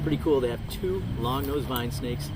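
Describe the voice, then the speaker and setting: A man's voice: medium pitch, moderate pace, gravelly. A man hosting a wildlife vlog, talking to viewers in an informal, enthusiastic, slangy way as he presents animals he finds. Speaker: host of a wildlife video series. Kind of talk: excited outdoor vlog narration to viewers. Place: outdoors at night, in the field in and around a city. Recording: outdoor night recording with insect and traffic noise.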